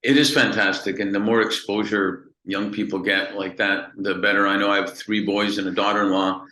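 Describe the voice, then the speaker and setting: A man's voice: lowish voice, flat delivery, a little fast, pushed and bright, echoey room, slight background noise, poor audio. A man in his fifties from Montreal, hosting an interview in a chatty, easygoing way and laughing easily. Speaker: interview host. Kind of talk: casual interview talk.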